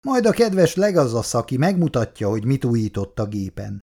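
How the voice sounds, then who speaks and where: A man's voice: medium pitch, sing-song, warm tone. A man reading aloud as a proud, stubborn old factory worker. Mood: gruff. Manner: gruff and indignant.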